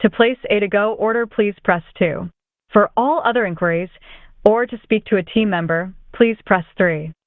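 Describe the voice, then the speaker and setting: A woman reading a scripted automated phone menu in a measured, announcing manner over a phone line. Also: mid-range voice, no room sound. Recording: muffled narrow phone line.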